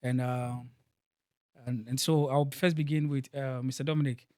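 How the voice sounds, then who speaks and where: Halting, repetitive man hosting a talk. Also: medium pitch, fairly even intonation, darkish tone, no echo, studio quality. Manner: halting, repeats words with many fillers. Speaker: podcast host. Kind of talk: casual panel discussion. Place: in Germany.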